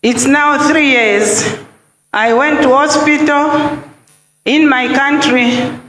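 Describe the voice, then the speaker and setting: Woman from Zambia testifying, very slow, high voice, echoey hall. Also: fairly even intonation, a bit bright, a little hiss or hum. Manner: halting, simple phrases. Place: large church hall.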